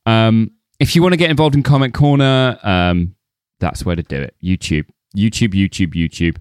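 A man co-hosting a podcast in casual chat, opinionated and quick-witted. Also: on the low side, smooth, dry recording, clean studio sound. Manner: enthusiastic, opinionated, quick wit. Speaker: podcast co-host.

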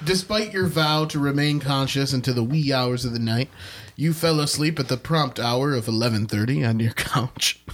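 A man's voice: mid-range voice, normal speed. A man co-hosting a podcast, casually reading a horror story aloud and breaking off to joke.

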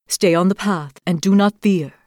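A woman voicing a calm, protective mother mouse who speaks in a composed, firm way. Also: medium pitch, normal speed, no echo, studio quality, natural voice.

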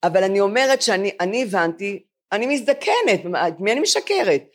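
A woman's voice: mid-range voice, very animated. A woman in her seventies, a podcast co-host, chatting in a self-mocking, storytelling way before a live audience. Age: 70s.

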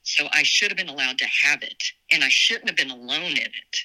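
A woman's voice: sits low, brisk, bright, forceful tone, low-quality recording. A woman in her fifties from Tennessee, a guest talking frankly with wry, sarcastic humor. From Tennessee, USA. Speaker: podcast guest. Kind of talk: candid conversation.

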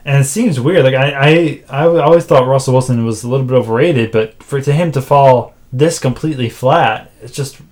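Laid-back monotone man talking sports. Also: mid-range voice, a little fast, hardly any pauses. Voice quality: self-described monotone, dry and laid-back. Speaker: podcast co-host. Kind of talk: casual sports chat.

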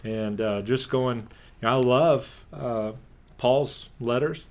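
A man's voice: medium pitch, slow. A man chatting casually as a pastor and co-host, given to joking, teasing asides. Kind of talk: casual conversation.

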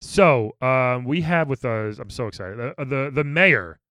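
Long island guy cohosting a podcast, bouncy pitch, rambles and trips over words, dead dry sound. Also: lively intonation, unhurried, a bit bright, no room sound. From New York, Long Island. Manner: enthusiastic, rambling, stammers and restarts. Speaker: podcast co-host. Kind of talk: casual chat.

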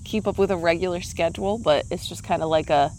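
A woman's voice: fairly low pitch, fast talker, darkish tone, a little hiss or hum. A woman co-hosting a casual health and fitness podcast, talking in a chatty way with lots of fillers and laughs. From Central New Jersey, US. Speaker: podcast co-host.

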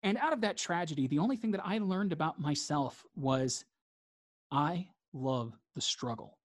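A man's voice: fairly high pitch, expressive, normal speed, no echo. A man, a guest in a reflective interview, talking earnestly and repeating phrases for emphasis.

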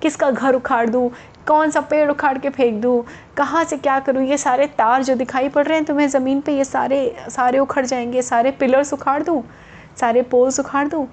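A woman's voice: sits high, expressive, unhurried. A woman voicing the wind as an arrogant, boastful female spirit who taunts and mocks in a storybook tale. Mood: excited. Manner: mocking, taunting, cackling.

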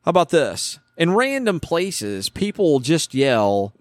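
A man hosting a casual chat, animated and opinionated, quick to scoff at claims he thinks are wrong. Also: fairly high pitch, no room sound. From West Virginia. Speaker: podcast host.

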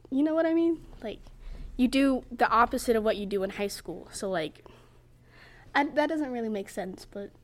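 A woman's voice: medium pitch, a bit bright. A teenage girl hosting a casual student podcast, rambling with many fillers as she talks through her plans. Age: teens. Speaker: podcast host. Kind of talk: casual chat.

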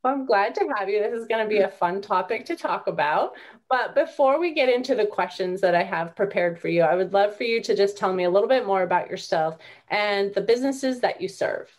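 A woman's voice: medium pitch, expressive, brisk. A woman podcast host presenting her show and talking with a guest in an orderly, prepared way. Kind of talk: scripted show introduction, then interview chat.

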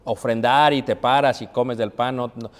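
A man's voice: mid-range voice, fairly even intonation, normal speed. A man preaching a sermon to a Bible class in a church, talking conversationally and putting rhetorical questions to his listeners. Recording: long reverb of a hall.

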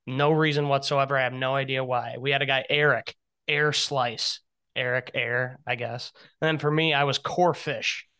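A man's voice: mid-range voice, fairly even intonation, normal speed, bright, forceful tone, smooth. A young adult man co-hosting a podcast in casual chat, laughing often and bantering. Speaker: podcast co-host.

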